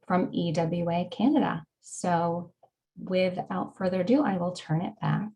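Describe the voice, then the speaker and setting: Opening a webinar as its host, a woman gives a scripted introduction in an upbeat, friendly way, sprinkling in plenty of ums. Her voice sits on the low side and sounds mellow and unhurried, though the recording is rough.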